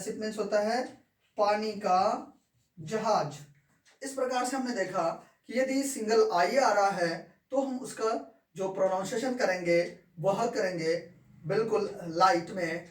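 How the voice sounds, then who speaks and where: Teacher's voice, echoey, far from mic. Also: male voice, sits high. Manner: repeats words and asks the class questions. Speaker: English teacher. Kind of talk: classroom lesson.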